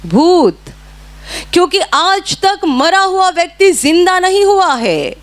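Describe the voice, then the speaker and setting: Woman preacher, high voice, earnest storytelling sermon. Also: very animated, slow. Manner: earnest storytelling with repeated hallelujahs.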